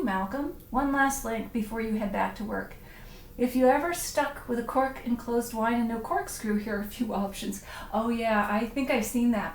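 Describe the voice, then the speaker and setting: A woman's voice: on the high side, slight background noise. A middle-aged woman hosting a casual live-stream wine tasting, chatty and punning, reading viewer comments aloud. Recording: echoey room, faint ambience.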